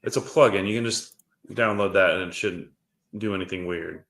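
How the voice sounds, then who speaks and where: Laid back guy on a sports podcast, kinda low voice, laughs a lot. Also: creaky, fairly bright tone. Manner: easygoing, laughs often, halting restarts. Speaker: podcast co-host. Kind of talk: casual watch-party chat.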